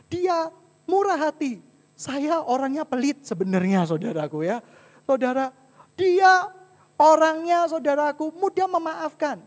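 A man's voice: extremely high pitch, big-room sound. A married man preaching a humorous sermon, poking fun at himself and constantly calling the audience his brothers and sisters. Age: adult, married. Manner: keeps addressing listeners as "saudaraku"; playful, jokes about himself.

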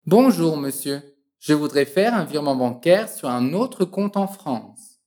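A woman teaches French, coaxing the listener to repeat each phrase after her. Her voice is low and her intonation swoops lively. She drills each phrase slowly and precisely. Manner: encouraging, slow and precise drilling.

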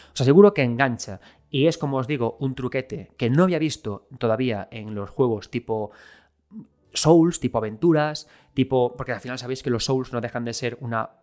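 A man's voice: medium pitch, a little mellow. A man from Galicia talking casually and enthusiastically to his viewers about video games. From Galicia, Spain. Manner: enthusiastic, conversational, addresses viewers directly. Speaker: video game commentator. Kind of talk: casual spoken game review.

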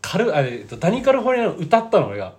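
A man's voice: sits high, rapid-fire, crowd noise. A man in his late twenties telling a story in a casual podcast chat, acting out what people said and laughing often. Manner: animated storyteller, acts out quotes, laughs often. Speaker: podcast co-host.

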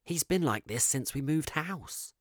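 A man's voice: on the high side, animated, unhurried, no echo, voice pushed up. A weary, firm mother, as a storybook reader puts her on, tired yet not giving way. The voice is lifted well above the reader's own. It sounds dry and close. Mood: apologetic.

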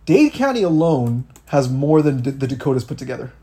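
A man's voice: mid-range voice, very animated, a little fast, warm tone, breathy edge. A young man from Miami co-hosting a podcast, ranting about politics in casual, profane talk full of restarts. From Miami, Florida. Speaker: podcast co-host.

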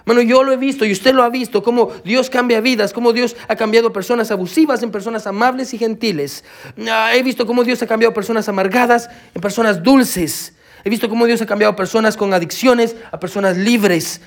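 Pastor guy with a high voice, preaching, really animated storytelling, talks to the crowd like brothers. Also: brisk. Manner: addresses listeners as brother. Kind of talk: sermon.

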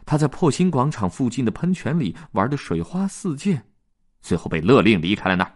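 A man reading a children's story aloud, with lively, expressive narration. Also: mid-range voice, fairly quick.

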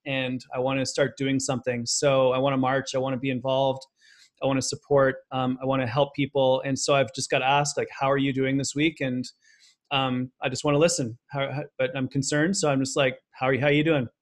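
A man's voice: medium pitch, flat delivery, fairly quick. A man hosting a podcast, reading a guest introduction and then talking in an earnest, reflective way with plenty of fillers. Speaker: podcast host. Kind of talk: podcast intro and interview chat.

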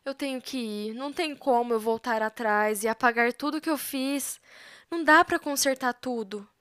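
A woman's voice: sits high, lively intonation, brisk, a bit bright, dry recording, clean studio sound, voice pushed up. A woman doing a desperate, crying young mother. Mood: tearful. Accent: Brazilian Portuguese. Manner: crying, pleading, urgent. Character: desperate young mother fleeing with her son.

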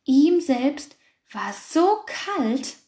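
A woman's voice: sits high, big pitch swings, very slow, mellow, roomy sound, voice pushed up, full character voice. A woman voicing a grumpy, cold little porcupine that scolds and grumbles, in a storybook reading. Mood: grumbling. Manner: scolding, indignant.

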